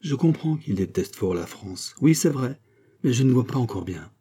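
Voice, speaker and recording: A man's voice: mid-range voice, expressive, normal speed, warm tone, breathy edge. A man voicing a blunt older male farmer in an audiobook, speaking in an emphatic, protesting way.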